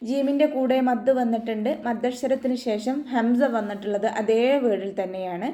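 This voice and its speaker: A woman guides students through recitation rules one point at a time. Her voice sits a little high, and she keeps adding soft reminders to pay attention. The sound carries a noticeable room echo. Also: fairly even intonation, normal speed. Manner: patient step-by-step instruction, frequent gentle reminders. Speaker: Quran recitation teacher. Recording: echoey room.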